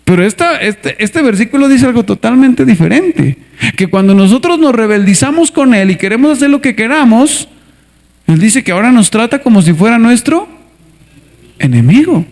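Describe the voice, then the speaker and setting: A man preaching a sermon as a pastor, animated, acting out little scenes and asking the congregation to answer back. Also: extremely high pitch, moderate pace, vocal fry. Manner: animated, asks the congregation for responses; acts out scenes with character voices. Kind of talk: lively sermon with acted skits.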